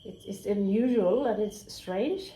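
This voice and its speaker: In an unhurried, dark-toned mid-range voice, a tarot reader talks through a casual reading, chatty and frank, cursing openly and dropping to a whisper now and then. Her space sounds roomy and echoey, and crickets chirp faintly outside.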